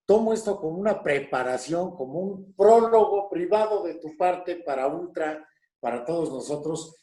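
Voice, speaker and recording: A male interview host wraps up with a friendly thank-you to his guest. His voice is fairly high but mellow in tone. The recording has a roomy echo. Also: animated, normal speed. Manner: warm, friendly sign-off. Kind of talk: interview closing remarks. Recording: echoey room.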